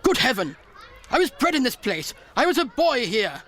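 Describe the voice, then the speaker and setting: A man's voice: extremely high pitch, very animated, moderate pace, pushed and bright, exaggerated voice. A man playing an anxious old miser, earnest and plaintive, in a radio play. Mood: delighted.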